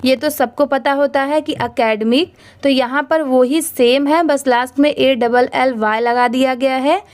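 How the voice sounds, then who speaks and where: Slow, high-voiced woman teaching reading. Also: fairly even intonation. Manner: spells words letter by letter, then blends them slowly; patient, encouraging explanations with many rhetorical questions. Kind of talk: spelling-out reading lesson.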